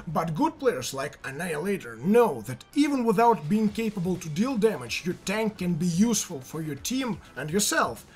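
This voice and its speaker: A young man with a Russian accent doing playful, jokey commentary over a tank game replay, now and then bursting into shouts. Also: high-pitched. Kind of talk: gameplay commentary.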